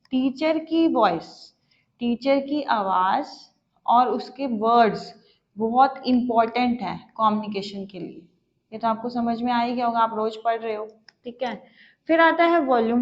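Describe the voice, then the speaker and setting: A woman's voice: sits high, muffled recording. A woman teacher with an Indian accent explaining an exam-prep topic step by step, asking questions and answering them herself and mixing English terms into her speech. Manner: mixes English terms into Hindi. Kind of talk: online exam-prep lecture.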